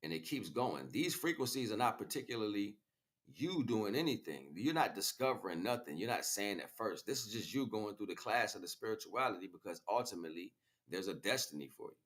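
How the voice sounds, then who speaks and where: An American man hosting a spiritual livestream delivers an impromptu monologue to listeners, preachy and slangy, repeating phrases for emphasis. His voice is lowish, expressive, brisk and fairly bright.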